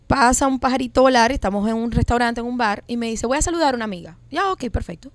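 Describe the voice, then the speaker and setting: A woman telling a personal story in a casual group chat, animated and dramatic. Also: a little high, fast talker, no echo.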